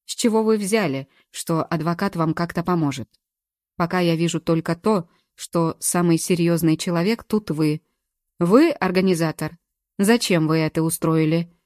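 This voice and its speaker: A woman voicing a calm, firm male investigator who questions suspects in a level, pressing way. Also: fairly low pitch, moderate pace, no echo, studio quality, close to an everyday voice. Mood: stern. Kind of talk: audiobook character reading.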